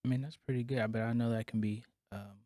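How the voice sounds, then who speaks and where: Male podcast host, mid-pitched, casual questioning, dry close-mic sound. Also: quick pace, dry recording. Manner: relaxed, laid-back questioning with fillers. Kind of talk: casual interview chat.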